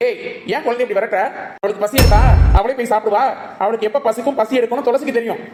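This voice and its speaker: A woman's voice: fairly high pitch, natural voice. A woman voicing a stern but caring village husband and father with a Tirunelveli Tamil accent, lecturing in a cartoon. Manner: lecturing, rapid-fire. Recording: echoey with music.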